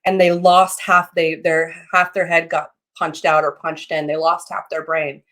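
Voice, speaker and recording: Woman, slightly low voice, informal teacher, explanatory delivery, halting phrases, checking tags. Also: level tone, fairly bright tone. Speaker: teacher of meditation and psychic development. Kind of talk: informal live lesson, explanatory.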